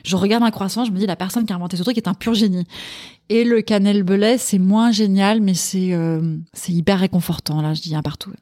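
A woman's voice: mid-range voice, brisk, dry recording, clean studio sound. A middle-aged woman from Sweden, a podcast guest and cookbook author, chatting casually and with enthusiasm. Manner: enthusiastic, animated storytelling. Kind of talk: casual chat.

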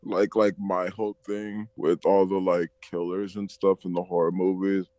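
A man's voice: low-pitched, little pitch movement, moderate pace, warm tone, dry recording. A man co-hosting a podcast over a phone call, chatting casually and rambling with lots of "like" and "bro", his voice sometimes going robotic on the line. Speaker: podcast co-host. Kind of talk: casual chat.

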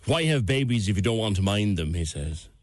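Animated low-voiced Irish radio host, man. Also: fairly quick. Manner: chatty, reading out listener messages. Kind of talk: conversational talk radio presenting.

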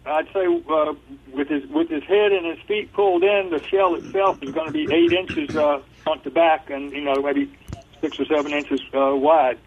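A man in his seventies calling a radio show over a landline phone, plain-spoken and deliberate, sometimes halting. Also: a little high, expressive, vocal fry. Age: 70s. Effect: landline telephone. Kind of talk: casual conversation on a call-in show. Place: on a landline telephone. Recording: muffled landline phone call.

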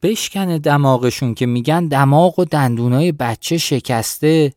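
Man doing a shrill fawning village headman. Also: animated, a little mellow, dry recording, studio quality, lightly acted. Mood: agitated.

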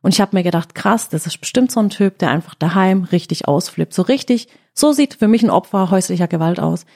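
A woman's voice: on the low side, a little fast, warm tone. A woman telling a story in casual chat, quoting her own words as she goes.

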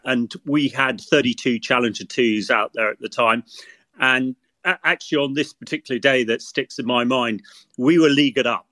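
A man's voice: medium pitch, a bit bright, no echo. A middle-aged British man giving expert recollections in a podcast interview, speaking outdoors from a freezing rooftop. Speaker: guest military expert, former tank commander. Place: outdoors on a garage roof in snow.

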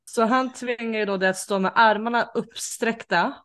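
A woman guest with a slightly high voice talks in a casual podcast chat. She explains things in a measured way. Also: fairly even intonation, a bit bright.

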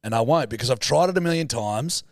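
A man's voice: mid-range voice, lively intonation, fast, dry recording, clean studio sound. An Australian man co-hosting a podcast with casual, blokey, sweary banter. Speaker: podcast co-host.

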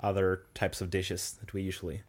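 A man's voice: low voice, flat delivery, brisk, darkish tone, breathy edge. A man from Sweden talking hesitantly in casual chat, often stopping and restarting. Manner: hesitant, self-interrupting.

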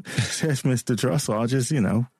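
A man's voice: medium pitch, measured pace, a little mellow, slightly rough, no echo, clean studio sound. Chatty transatlantic-accented radio host man. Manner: chatty, rambling, laughs often. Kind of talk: casual on-air banter.

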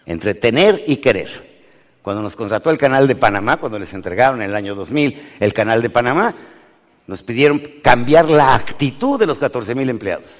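A man with a Mexican accent delivers a motivational business lecture in an animated way, his voice sitting at a middle pitch. He swings between loud and hushed and keeps asking the crowd questions. The sound carries a long reverb from the lecture hall. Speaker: motivational speaker. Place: large lecture hall with audience.

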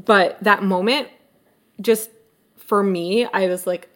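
A woman's voice: medium pitch, takes it slowly. Chatty young woman rambling about a book. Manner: animated, rambling, many restarts and fillers. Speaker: podcast co-host. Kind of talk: casual book chat.

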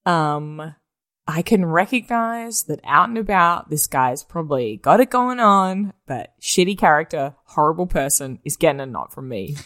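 A woman's voice: deep voice, expressive, moderate pace, fairly bright tone, no room sound, studio quality. A woman with an Australian accent, co-hosting a podcast in a chatty, blunt way and laughing often. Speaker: podcast co-host. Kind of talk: casual chat.

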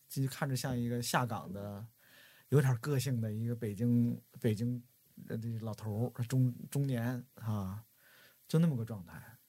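A male host, telling a story in relaxed, colloquial chat. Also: mid-range voice, no room sound. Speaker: podcast host. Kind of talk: casual chat.

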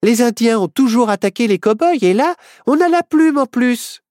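Man putting on an eager impulsive young woman, high and lively, storybook. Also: normal speed, dry recording, clean studio sound. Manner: eager, exclaiming. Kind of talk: storybook reading.

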